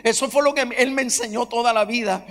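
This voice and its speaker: A man's voice: very high-pitched, fairly even intonation, a little fast, a bit bright. A male pastor telling a personal story in a sermon, in a dramatic way and acting out the dialogue. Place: large church auditorium. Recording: long church auditorium reverb.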